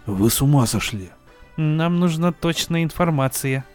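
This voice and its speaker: A man voicing a feverish, tense officer in an audiobook, hissing and strained through clenched teeth. The voice sits lower than the reader's own narration, over faint background music. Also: expressive, measured pace.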